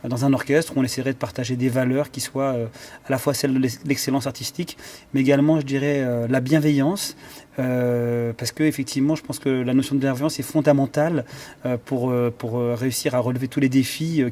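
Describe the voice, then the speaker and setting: His voice is mid-range and warm, with fairly even intonation and a slightly quick pace. The Iranian conductor and cellist gives considered interview answers, peppered with fillers and false starts as he gropes for words.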